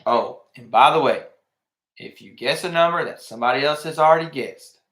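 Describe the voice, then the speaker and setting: Guy doing a live giveaway stream, bright punchy voice, chatty, repeats stuff, echoey room. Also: medium pitch, fairly quick. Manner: informal, addresses viewers directly, repeats himself. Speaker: livestream host. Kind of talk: casual live giveaway announcing.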